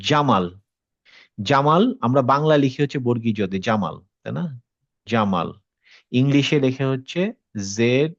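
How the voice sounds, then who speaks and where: A man leads an online class with a slightly raised pitch and a patient, explaining manner. He checks often that his students understand. The sound is dry and dull, as on a lo-fi video call. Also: no room sound. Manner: explains patiently, mixes in English words, asks students questions. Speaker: Quran tajweed teacher.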